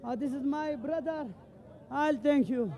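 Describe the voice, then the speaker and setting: This man is a fighter giving a post-fight interview at a live event. He is a non-native speaker who talks in halting, broken fragments. His pitch is very high for a man and his tone is mellow. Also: a faint crowd. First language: not English. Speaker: MMA fighter being interviewed.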